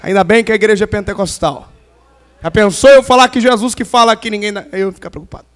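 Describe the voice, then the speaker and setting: Male preacher, very high pitch, humorous storyteller, long hall reverb. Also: fast talker. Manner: playful, swings from loud emphasis to quiet asides. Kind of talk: pentecostal sermon with humorous stories. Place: large church hall.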